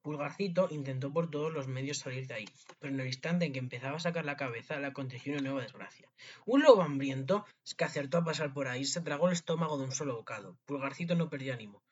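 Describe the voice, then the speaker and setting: A man's voice: mid-range voice, quick pace, breathy edge. Man reading a fairy tale, lo-fi. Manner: reads with small slips and restarts. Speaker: narrator. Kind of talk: storybook reading. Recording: dull lo-fi recording.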